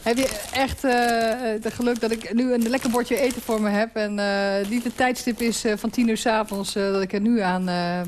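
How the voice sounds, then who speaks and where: A woman's voice: a little high, steady tone, normal speed, few pauses, a little hiss or hum. A woman in her forties, a radio interview guest talking frankly and with strong opinions. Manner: frank and opinionated, with emphatic dislikes. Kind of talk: relaxed radio interview about food.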